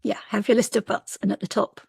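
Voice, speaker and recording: A woman's voice: mid-range voice, flat delivery, brisk, vocal fry, darkish tone, slightly rough, no echo, clean studio sound. A woman astrologer, a guest in a casual conversation, telling a story earnestly and urging listeners to chase their dreams.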